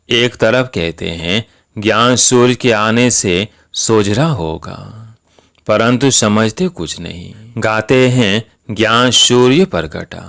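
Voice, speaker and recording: Slow, gravelly-voiced man reading a sermon. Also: on the low side. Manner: calm, measured, instructive reading. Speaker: spiritual discourse reader.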